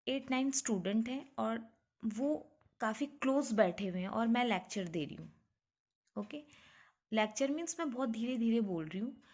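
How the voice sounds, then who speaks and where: A woman teaching a lesson, slowly explaining and asking the viewer questions. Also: fairly high pitch, darkish tone. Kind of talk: classroom physics lesson mixing Hindi and English.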